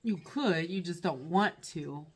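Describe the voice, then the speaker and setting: A woman's voice: fairly low pitch, measured pace. A woman chatting casually as a co-taster, giving brief, matter-of-fact reactions.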